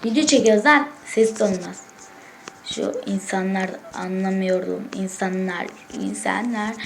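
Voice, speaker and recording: A woman hosting a gaming channel, chatting casually to viewers from a room at home, excitable and swearing as she gets frustrated. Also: mid-range voice, a little slow, creaky, a little hiss or hum. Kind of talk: casual gameplay commentary.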